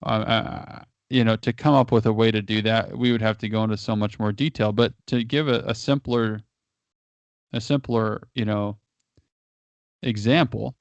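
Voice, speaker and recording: A man's voice: on the low side, steady tone, normal speed, dry recording. Married man explaining with restarts. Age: adult, married. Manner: explains at length with many restarts and repeated words. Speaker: guest. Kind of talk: casual conversational advice. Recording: dry, dull lo-fi audio.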